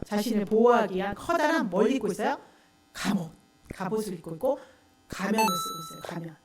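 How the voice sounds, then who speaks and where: Woman preaching in an echoey hall. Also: medium pitch. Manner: asks the listeners questions and answers them herself; acts out quoted voices loudly. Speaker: pastor and counselor. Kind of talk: sermon. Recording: echoey room, mic at a distance, faint hum.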